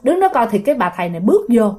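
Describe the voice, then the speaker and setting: A woman's voice: on the high side, sing-song, very fast, dark tone. A woman with a Southern Vietnamese accent telling a ghost story in a chatty way, talking straight to her listeners. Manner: chatty, addresses listeners directly.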